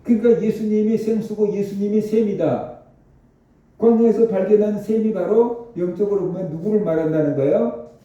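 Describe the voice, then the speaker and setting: A man preaches in a very reverberant church sanctuary, his fairly high voice sounding dark and mellow. He explains Scripture and keeps asking his listeners rhetorical questions. The mic sits at a distance and the sound is somewhat dull. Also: normal speed. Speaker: pastor. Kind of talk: sermon.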